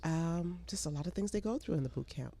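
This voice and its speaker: An American woman who produces a pageant, answering interview questions in an earnest, measured way. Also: fairly low pitch, expressive, vocal fry, warm tone, dry recording. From United States. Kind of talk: casual interview.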